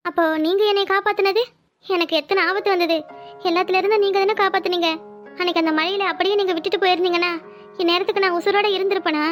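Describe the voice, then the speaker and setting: A stubborn, devoted young cartoon heroine, voiced by a woman with a Kanyakumari Tamil accent. She speaks earnestly in a very high, quick voice. Music plays faintly underneath. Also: steady tone, a bit bright. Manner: earnest, brushing off worry.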